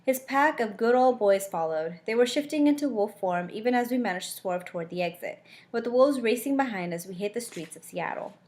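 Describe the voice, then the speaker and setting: A woman's voice: on the high side, lively intonation, a little fast, a little mellow. Woman reading a novel with chatty asides. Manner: chatty, breaks off to comment. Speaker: audiobook reader.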